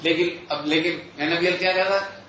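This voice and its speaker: A man giving a philosophy lecture to a live audience, explaining slowly and deliberately, questioning his listeners in a playful, teasing way. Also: on the high side, fairly even intonation, background noise. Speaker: religious lecturer. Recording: echoey hall, slightly dull audio.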